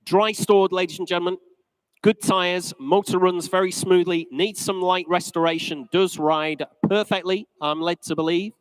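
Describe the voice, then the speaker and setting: A man's voice: sits high, fairly even intonation, moderate pace, clear, resonant tone, dry recording, low-quality recording. A man working as an auctioneer, calling bids live in a polished, courteous, repetitive patter.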